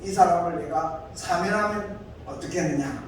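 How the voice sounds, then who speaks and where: A man's voice: high-pitched, moderate pace, slight background noise, lightly acted. A man voicing a stern, domineering Roman governor who presses with threatening questions, in an echoey hall from a distant mic.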